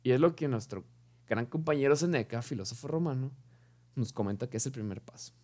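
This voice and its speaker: A young man who gives a casual spoken explanation, talks in an animated way, corrects himself as he goes and acts out little dialogues. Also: mid-range voice, a little fast.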